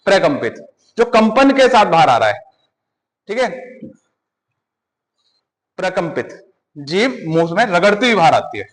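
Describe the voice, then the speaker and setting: A male teacher with a north Indian Hindi accent who gives a grammar lesson, asks the class questions, answers them himself and repeats sounds slowly. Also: high voice, big pitch swings, rough recording.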